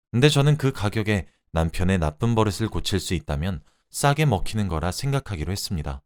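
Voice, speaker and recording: A man reads a first-person story in a lowish voice with a very lively, rising and falling pitch. His telling is expressive and conversational, like a radio drama narration.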